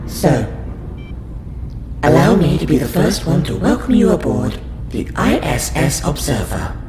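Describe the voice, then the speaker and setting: In this audio roleplay aimed at the listener, a guy plays a courteous, patient alien scientist abductor questioning a human. His pitch is very lively, while his manner stays formal, precise and measured. The audio is very noisy, with roomy echo and loud background music.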